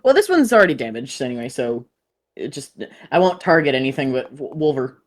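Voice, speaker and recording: A woman's voice: very deep voice, sing-song, a little fast. A woman playing a tabletop game, asking questions about the rules and often apologizing. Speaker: player. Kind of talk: casual tabletop play.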